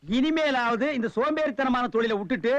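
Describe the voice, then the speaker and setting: A man in a film comedy scene who mocks and scolds the people around him with quick insults. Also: very high-pitched, no echo. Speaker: comic lead in a film scene.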